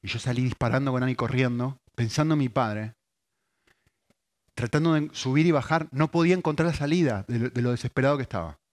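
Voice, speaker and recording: A man with an Argentine accent preaching a sermon, alternating loud, emphatic repetition with quiet storytelling. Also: mid-range voice, fairly quick. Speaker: pastor.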